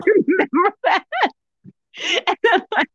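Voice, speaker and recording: A woman's voice: extremely high pitch, lively intonation, takes it slowly, a bit bright, dry recording. An American woman co-hosting a podcast from inside a closet, chatting casually and telling stories in a giggly way, with a muffled sound. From Maine, USA. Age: adult, mother of young children. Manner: giggly, laughs through her stories. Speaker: podcast co-host.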